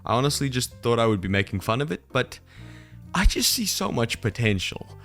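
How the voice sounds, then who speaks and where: A man hosting a casual scripted video review, with wry, deadpan asides. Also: fairly low pitch. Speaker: video commentary host.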